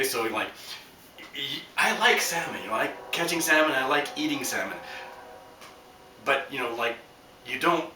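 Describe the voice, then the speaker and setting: A man hosting a podcast, giving a rambling, joking lesson full of fillers and asides. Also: medium pitch. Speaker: podcast host teaching Japanese. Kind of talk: casual spoken lesson. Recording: roomy, distant from the mic, faint background hum.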